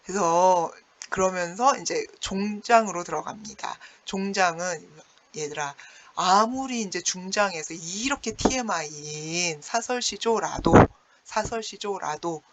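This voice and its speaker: Chatty teacher with a lively explaining tone. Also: medium pitch, unhurried, a little hiss or hum. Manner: chatty, explanatory, frequent "yes" and "like" fillers; acts out the poem's lines with sighs and chuckles. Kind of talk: online class lecture on classical poetry.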